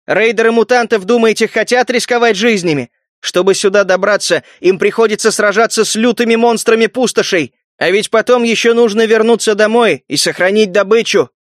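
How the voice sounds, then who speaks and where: A man's voice: sits high, fairly quick, hardly any pauses, no echo, clean studio sound, natural voice. A man voicing a persuasive, commanding emperor addressing a crowd in an audiobook.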